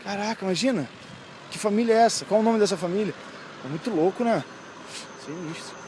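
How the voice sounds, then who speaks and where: High-voiced chatty young man. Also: fairly quick, a little mellow, a little hiss or hum. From Brazil. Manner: chatty, slangy, easily amazed. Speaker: travel vlogger. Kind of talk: casual walking vlog. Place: outdoors on a town street.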